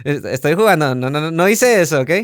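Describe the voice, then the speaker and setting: A man preaches a sermon from his own life, his voice fairly high and smooth, with a resonant ring to it. He tells the story in an animated way and acts out the quotes. The sound is close and dry. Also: brisk, dry recording. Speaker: pastor. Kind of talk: sermon with personal testimony. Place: church.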